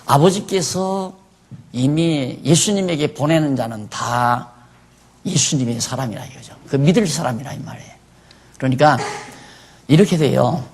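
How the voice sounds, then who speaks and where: A man's voice: on the high side, moderate pace. A man preaching a sermon in a conversational way, often asking his listeners questions. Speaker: pastor.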